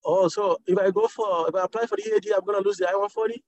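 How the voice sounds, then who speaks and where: A man's voice: high voice, fairly even intonation, very fast. A man from Nigeria, calling in to a conference call on a car speakerphone while driving. He searches for words and restarts his phrases. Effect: car speakerphone phone line. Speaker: caller. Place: inside a moving car. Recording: muffled lo-fi phone call.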